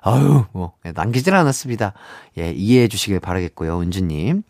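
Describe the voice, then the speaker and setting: Lively young male radio host. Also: on the low side, a little fast, gravelly, no echo, studio quality. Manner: lively, friendly, chatty with light laughter. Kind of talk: casual radio hosting, reading listener messages.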